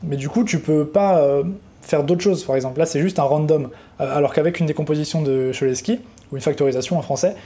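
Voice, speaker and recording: Brief: young male tutor, relaxed and mellow, chatty, unscripted walkthrough, a touch high-pitched. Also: brisk. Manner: casual, rambling, talks straight to the viewer. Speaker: trading educator.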